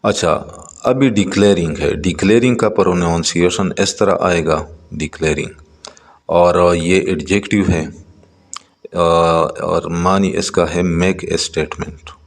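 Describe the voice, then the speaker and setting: Deep, gravelly male teacher. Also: fairly even intonation, big-room sound. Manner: reads English lines slowly then explains them; frequent hesitation fillers. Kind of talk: textbook lesson explanation.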